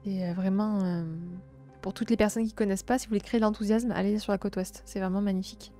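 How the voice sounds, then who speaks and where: A young woman from south-east France with a southern French accent, chatting gently with her live-stream viewers and filling pauses with hesitations. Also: mid-range voice, fairly even intonation, faint music behind. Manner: gentle, chatty, many fillers and restarts. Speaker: livestream host. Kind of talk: casual live-stream chat, reading chat.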